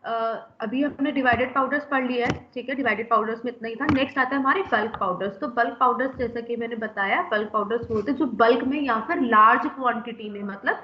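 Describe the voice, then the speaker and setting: Woman teacher going over a lesson step by step, kinda high voice, dull lo-fi sound. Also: fast, hardly any pauses, reverberant, a little hiss or hum. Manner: explains step by step, keeps asking "है ना?"; mixes in English terms. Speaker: pharmacy lecturer. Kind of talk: classroom lecture.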